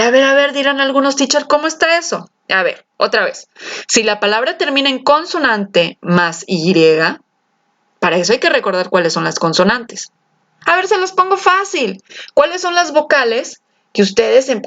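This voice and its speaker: A woman teaching an English grammar lesson, lively and coaxing, asking her students questions and stretching out key words. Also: medium pitch. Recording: slightly dull lo-fi sound.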